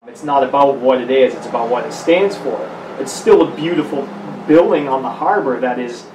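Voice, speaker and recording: A man casually telling a personal anecdote in an interview, relaxed with fillers. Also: medium pitch, moderate pace. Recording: distant, roomy, crowd noise behind.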